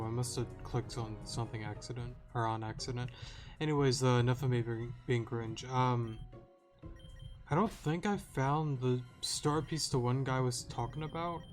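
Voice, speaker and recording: A young man giving casual gameplay commentary as a let's-play gamer, rambling and hesitant with lots of ums and self-corrections. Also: medium pitch. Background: faint game music.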